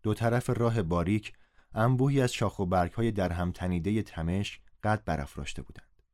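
A man narrating a story in first person, reading the dialogue aloud with a raised voice. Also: lowish voice. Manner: reads dialogue in a raised, louder voice.

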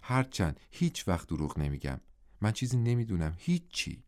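A man's voice: lowish voice, sing-song, a little mellow. A male narrator voicing Shirzad, a stubborn, loyal young villager grieving his sister, who talks plainly and earnestly.

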